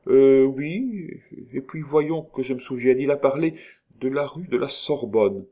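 A man's voice: medium pitch, unhurried, darkish tone, pitched above the performer's own voice, lightly acted. A man reading aloud and voicing a sly young woman who poses as a princess and feigns innocence. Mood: animated.

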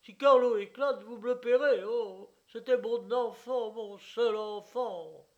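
A man voicing a self-pitying German showman who wails loudly in a shrill, lamenting voice. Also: takes it slowly, muffled recording. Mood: wailing.

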